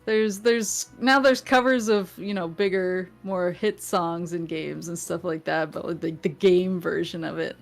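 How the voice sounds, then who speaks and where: Steady and on the low side, with vocal fry, the voice belongs to a New England woman appearing as a guest vtuber on a chat show. She is giggly and halting, frequently starting sentences over while chatting casually. Soft music plays underneath.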